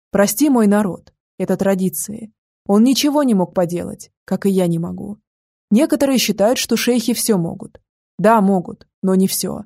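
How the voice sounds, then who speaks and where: A woman's voice: mid-range voice, a little mellow, natural voice. A woman voicing a thirty-year-old sheikh, remorseful and hesitant, in an audiobook. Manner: hesitant, conflicted speech.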